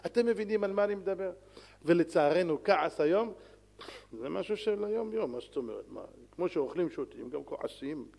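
A man, a rabbi, giving a sermon in an animated, lively way, swinging between loud calls and soft pleading. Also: sits high, creaky. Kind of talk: Torah lecture sermon. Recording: long hall reverb.

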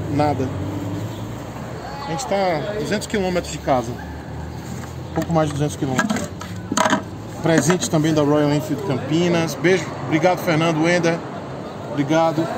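A Brazilian motorcycle vlogger in his thirties jokes and chats with viewers during an outdoor road trip, filmed on an action camera. His slightly high voice is relaxed and playful. Music plays behind him amid heavy background noise.

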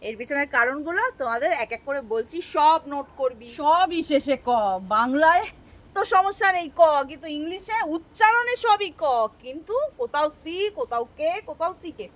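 Woman, teacher, very high voice, patient, explains step by step, asks questions. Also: lively intonation, moderate pace, fairly bright tone. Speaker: English teacher. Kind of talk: spoken English spelling lesson.

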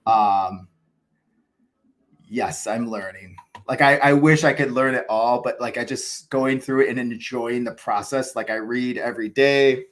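Unhurried and a bit bright, this mid-range voice belongs to an American cricket channel host in his thirties. Streaming casually from a small home room, he rambles with enthusiasm, restarting often and using plenty of fillers.

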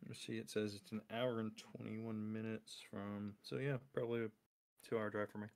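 A woman's voice: a bass voice, level tone, moderate pace, gravelly, a little mellow. A woman co-hosting a live stream, chatting in a laid-back way and trailing off while she hunts for words. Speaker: streamer co-host. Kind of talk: casual stream chat.

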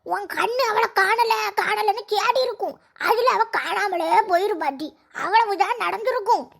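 A woman's voice: normal speed, creaky, fairly bright tone, exaggerated voice. A woman voicing a bossy, blunt old village grandmother in a cartoon, speaking with a Kanyakumari Tamil accent. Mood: scolding. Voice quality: high, nagging, scolding. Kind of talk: cartoon voice acting.

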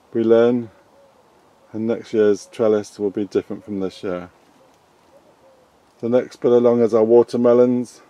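A man's voice: on the low side, no echo. A middle-aged British man giving a casual, chatty tour of his allotment polytunnel while filming as he walks. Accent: British English. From England. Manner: relaxed, chatty, unhurried. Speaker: allotment gardening vlogger. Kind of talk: casual garden tour narration. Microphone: handheld camera filming as he walks.

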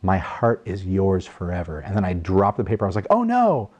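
A man in his thirties telling a funny personal story in a jokey, animated way, acting out voices. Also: deep voice, brisk, slightly rough. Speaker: host. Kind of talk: casual storytelling.

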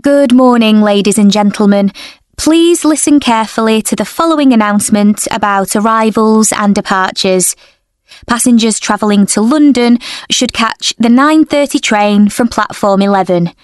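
An actress playing a polite station announcer, giving a formal, measured railway announcement for a listening exercise. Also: female voice, fairly high pitch, no echo, studio quality, natural voice. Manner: formal, measured public-address delivery.

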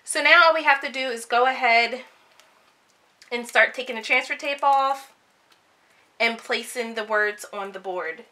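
A woman's voice: a little high, unhurried, long pauses, bright, forceful tone. A woman in her thirties giving casual, step-by-step craft tutorial narration.

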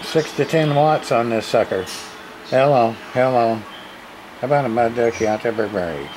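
A man with a mid-range voice, speaking at a moderate pace, casually narrates a hands-on radio repair at an indoor home workshop bench, talking in terse, offhand, folksy fragments. The room is noisy, with radio static and CB radio chatter in the background.

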